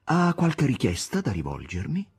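Man doing a sly devil, deep and hushed, half-whispered, unhurried, very husky, audiobook. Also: huge pitch swings, soft background music, exaggerated voice. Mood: calmly amused. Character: the devil, a calm, sly, commanding older man.

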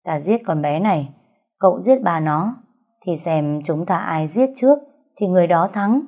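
A woman's voice: lowish voice, expressive, normal speed, dark tone. A woman reading an audiobook, voicing an older male crime boss who sounds tense and agitated. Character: older male crime boss, rattled, blustering then pleading.

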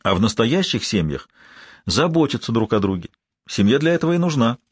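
A man voicing a soft-spoken, manipulative man who calmly coaxes his young niece into keeping a secret. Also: mid-range voice, fairly quick, husky, no echo, clean studio sound. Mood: coaxing. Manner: soft, calm and coaxing.

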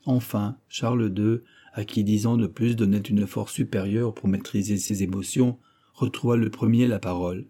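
Male audiobook narrator, deep mellow tone, measured and grave delivery. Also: fairly even intonation. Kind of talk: literary audiobook reading.

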